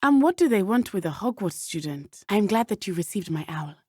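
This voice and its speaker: In this video game dialogue, a woman voices an earnest, brave teenage schoolgirl witch who speaks in formal, precise phrases. Her mid-range voice is sing-song, mellow and fairly quick, with a breathy edge. The recording is dry and studio quality.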